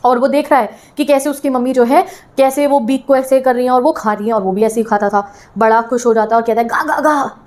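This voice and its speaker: Young female teacher, high voice, slow English reading with lively Hindi-English explanation. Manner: reads English lines slowly, then explains in Hindi mixed with English; lively, acts out the bird's thoughts. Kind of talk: explaining a textbook story to students.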